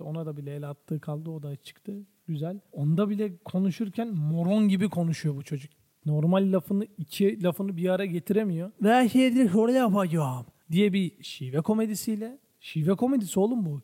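A man's voice: on the high side, mellow. A young man from Turkey in his twenties, hosting a podcast, ranting casually and swearing a lot in an exasperated way. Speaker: podcast host.

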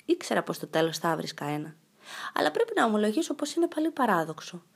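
A bold, cheerful little girl full of odd ideas, played by a woman, her voice lifting high and bright. She chatters in a playful, lively way as the heroine of a storybook reading. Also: gravelly, slightly rough, heavily acted.

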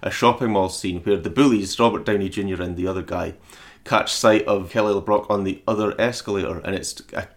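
A man with a fairly low voice, co-hosting a casual, rambling chat about films. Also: steady tone, fairly quick. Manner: rambling, chatty, swears casually. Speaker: podcast co-host.

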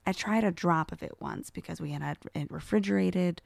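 A woman's voice: lowish voice, brisk, gravelly, a little mellow, no echo, studio quality. A young adult woman co-hosting a podcast in casual chat, rambling with many fillers. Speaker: podcast co-host.

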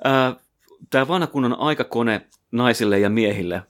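A man co-hosting a podcast, telling jokes and stories in casual chat. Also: medium pitch. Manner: joking storyteller. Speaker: podcast co-host.

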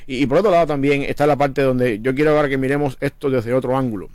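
A middle-aged pastor hosts a radio talk show, speaking very quickly in a medium-pitched voice. He hammers his points home and repeats them in an emphatic, preachy style. His voice sounds dry and close in the studio. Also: darkish tone, no room sound. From Cuba.

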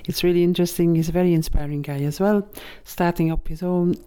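Deep, warm-toned woman interviewer. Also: fairly even intonation, fast talker, clean tone. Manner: short encouraging replies, brief laughs. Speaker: interviewer, host. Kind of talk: friendly interview.

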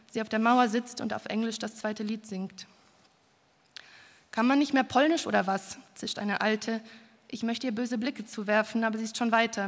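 A woman reading a first-person literary story aloud in a calm, even manner. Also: a little high. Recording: long hall reverb.

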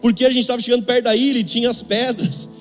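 Brazilian male pastor, young, high voice, humorous storytelling sermon, long reverb with faint music behind. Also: steady tone, fast. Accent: Brazilian Portuguese. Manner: humorous storytelling with acted dialogue.

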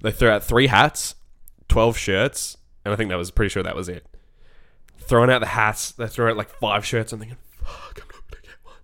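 A young man, co-hosting a podcast, telling an excited story in casual chat and acting out what people said. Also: fairly low pitch, moderate pace. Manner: excited storytelling, acts out quotes. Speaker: podcast co-host.

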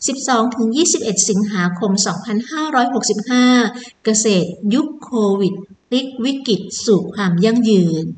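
A woman's voice: on the high side, animated, moderate pace, few pauses, a little mellow, a little hiss or hum. Woman presenter in an echoey room. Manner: polite, inviting, repeats key details for listeners. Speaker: presenter announcing a public event. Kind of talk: promotional announcement, semi-scripted.

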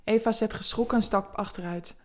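A woman narrates an erotic story in a soft, close, intimate voice. She reads unhurried and even, with a medium pitch, keeping the tone gentle throughout.

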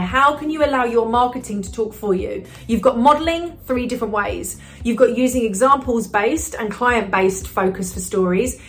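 A woman's voice: a little high, fairly bright tone. A woman business coach talking casually to camera, upbeat and chatty, with lots of "you know" fillers.

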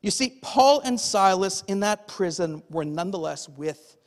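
High-voiced man preaching in a reverberant hall. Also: animated, measured pace. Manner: conversational, checks in with listeners with "okay?"; asks the audience rhetorical questions. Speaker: pastor. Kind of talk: sermon.

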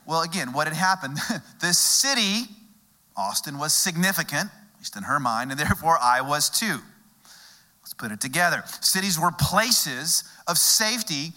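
Man, pastor, sermon, very bright sharp tone, slightly high voice, humorous storytelling. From Texas. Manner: lively humorous storytelling with dramatic pauses.

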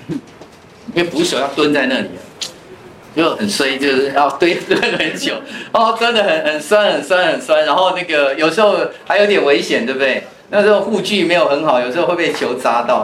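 A man's voice: a little high, a bit bright. A male pastor, teaching a Bible class in a chatty way with personal stories. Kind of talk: conversational Bible lesson with anecdotes. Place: church classroom. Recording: echoey room with faint noise.

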